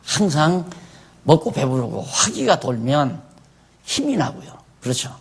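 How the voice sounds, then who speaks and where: A man's voice: fairly high pitch, big pitch swings, a little slow, breathy edge. A man preaching a sermon in a conversational way, often asking his listeners questions. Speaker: pastor.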